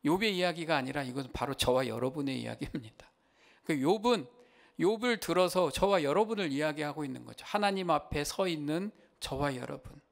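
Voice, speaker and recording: Impassioned Korean pastor preaching, higher voice. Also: male voice, expressive, a little fast, gravelly. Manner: impassioned, rising loud when voicing Job's complaints; asks the congregation rhetorical questions. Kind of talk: sermon.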